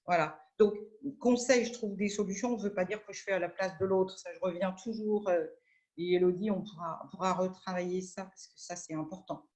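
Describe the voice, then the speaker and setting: A woman sharing a management anecdote in a remote meeting discussion, talking in a brisk, assertive way. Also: fairly low pitch, darkish tone. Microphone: video call.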